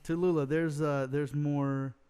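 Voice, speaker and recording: A man's voice: a little high, level tone, unhurried, over a noisy crowd. A man co-hosting an online church trivia show in a loose, joking chat, laughing often.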